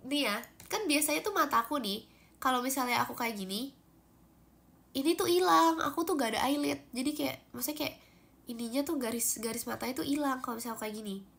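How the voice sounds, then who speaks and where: Stuffy with a cold, a young Indonesian idol livestreamer chats away on her phone stream, thanking viewers for their gifts with plenty of fillers. She talks briskly in a high voice touched by vocal fry.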